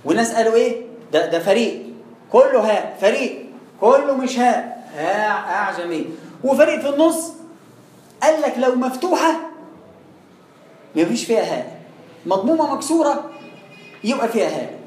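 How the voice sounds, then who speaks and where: A man with an Egyptian accent teaching Quran recitation rules in a lively, informal way, acting out little exchanges with students. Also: very high voice, a little fast, long pauses, roomy sound. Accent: Egyptian Arabic. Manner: lively, acts out back-and-forth dialogues, teasing. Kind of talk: informal tajweed lesson.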